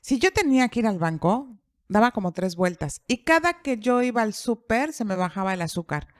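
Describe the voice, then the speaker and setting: A woman's voice: a little high, expressive, normal speed, no room sound. A middle-aged woman telling a personal story in casual podcast chat, repeating phrases for emphasis. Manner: acts out quoted dialogue. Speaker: podcast speaker.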